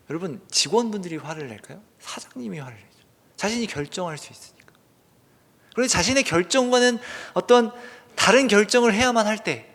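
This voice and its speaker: Male preacher, fairly high voice, emphatic bursts dropping to whispers, rhetorical questions, recorded in a reverberant sanctuary. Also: slightly rough. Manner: earnest, asks the congregation rhetorical questions; swings between loud emphatic bursts and hushed whispers. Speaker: pastor. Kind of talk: sermon. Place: church sanctuary. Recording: long church hall reverb.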